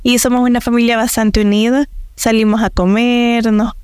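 A woman from El Salvador, giving her personal testimony as a radio interview guest, in an earnest, even manner. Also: on the high side, normal speed, clear, resonant tone, no room sound, studio quality.

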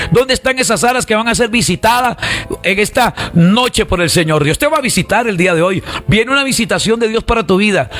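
Man, Costa Rican accent, fervent sermon, high pitch, faint background music. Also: a bit bright. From Costa Rica. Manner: fervent, repetitive calls to the congregation. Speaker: preacher. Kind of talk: online sermon.

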